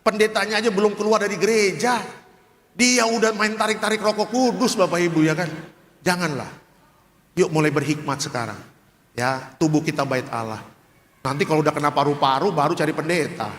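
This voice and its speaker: A man's voice: fairly high pitch, brisk, fairly bright tone. A man pastor preaching a sermon in a large church hall, emphatic and joking, questioning the congregation.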